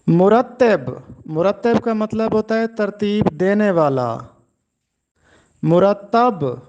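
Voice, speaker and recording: A man giving a lecture on pronunciation, deliberate and carefully enunciating each word. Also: high-pitched, a little mellow, smooth, dull audio. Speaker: Urdu literature lecturer.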